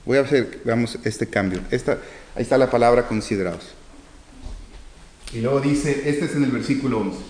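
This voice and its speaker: A man preaching a Bible teaching sermon, reading verses slowly and then asking and answering his own questions. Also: mid-range voice. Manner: animated, swinging from loud to hushed.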